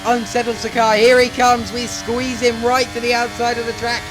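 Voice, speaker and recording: Very high-pitched and completely flat in delivery, a young man narrates his own racing game at a moderate pace as a gaming YouTuber, breathless and urgent with each move. Game music plays clearly under his voice amid a noisy background.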